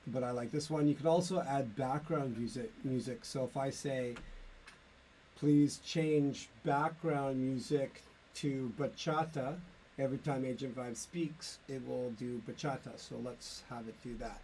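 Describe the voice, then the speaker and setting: A middle-aged man casually walking through a demo of his own software tool, explaining step by step with a few fillers. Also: medium pitch, steady tone, normal speed, few pauses, a little hiss or hum. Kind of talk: casual tech demo walkthrough.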